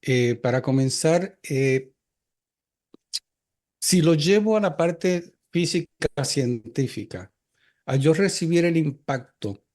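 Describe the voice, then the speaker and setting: An older man, a guest in an interview, recounting personal experiences in a reflective, hesitant way with frequent filler pauses. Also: a little high, lively intonation, a little mellow.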